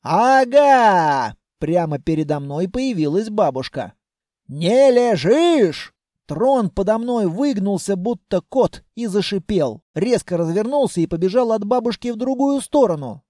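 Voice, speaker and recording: Guy reading an audiobook, playful, super animated pitch, dry close mic. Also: normal speed, few pauses, no echo. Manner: lively, playful storytelling. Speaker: audiobook narrator. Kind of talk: expressive first-person audiobook narration.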